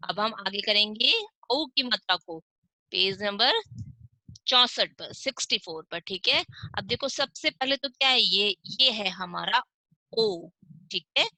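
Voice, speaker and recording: A woman teaching young children online, with a Hindi accent, reading words slowly syllable by syllable and asking questions she then answers herself. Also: mid-range voice, animated, sharp tone, dry recording, poor audio. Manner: slow, drawn-out syllable-by-syllable reading. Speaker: primary school teacher. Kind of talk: online class lesson.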